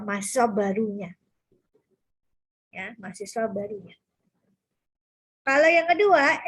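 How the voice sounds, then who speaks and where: A woman's voice: sits high, a bit bright, slightly rough. A woman lecturer explaining sentence grammar to students, patient and repetitive, checking in often. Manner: patient, repeats key terms with frequent "ya" checks.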